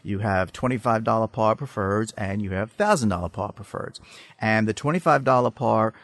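A man giving explanatory market commentary as a guest analyst, technical and measured, with some hesitancy. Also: lowish voice, a bit bright, no room sound. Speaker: financial research analyst guest. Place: studio.

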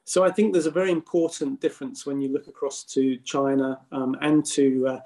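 Mellow, even-toned man explaining as a guest. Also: medium pitch. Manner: hesitant, measured explaining with long winding sentences. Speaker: guest investment expert. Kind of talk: podcast interview commentary.

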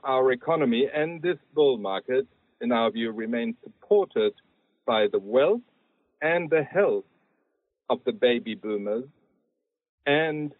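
A man delivers prepared remarks as a podcast guest, measured and steady in his pacing. The sound is thin and phone-like, with almost no room around it. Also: mid-range voice, no echo. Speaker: podcast guest, investment strategist. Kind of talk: prepared remarks read aloud. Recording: tinny phone-like line, dry.

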